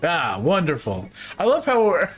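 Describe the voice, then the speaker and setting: A man's voice: fairly high pitch, wildly swooping pitch, moderate pace, slightly rough, soft background music. A man hosting a casual live game stream, chatting in a playful, rambling way with many fillers. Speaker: streamer host.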